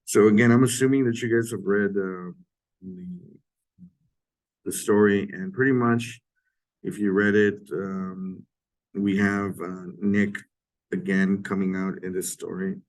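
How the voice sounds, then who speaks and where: Hoarse, low-voiced man lecturing, voice giving out. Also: rough recording. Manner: halting, frequent throat clearing. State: hoarse sore-throat voice, giving out. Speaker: literature lecturer. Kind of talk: informal recorded lecture.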